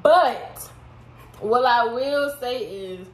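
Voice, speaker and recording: A woman's voice: on the high side, drawn-out words. Young woman vlogger in a roomy space. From Houston, Texas. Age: young adult. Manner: laid-back, candid, laughs often. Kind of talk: casual chat.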